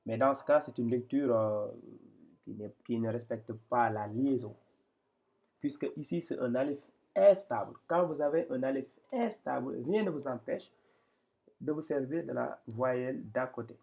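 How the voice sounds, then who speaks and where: A man teaches a reading lesson in a patient, step-by-step way, often restarting and repeating himself. His voice has a gravelly edge. The recording sounds slightly dull and muffled. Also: medium pitch, normal speed, warm tone. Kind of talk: explaining Arabic reading step by step.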